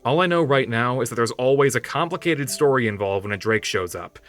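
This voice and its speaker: A man voicing a gruff, serious drake hunter. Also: expressive, fairly quick, a bit bright, soft background music, lightly acted. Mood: grim. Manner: terse, low and guarded. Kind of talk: audiobook character voice.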